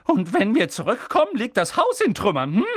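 A narrator voicing a shrill, fussy aunt who dotes on her son and scolds others. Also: sing-song, slow, dry recording, studio quality. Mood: scolding.

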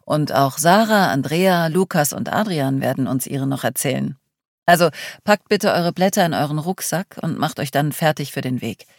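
A woman reading the part of a calm, guarded man leading a group, speaking tersely and evasively. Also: deep voice, moderate pace, dry recording, clean studio sound. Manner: terse, composed, ominous.

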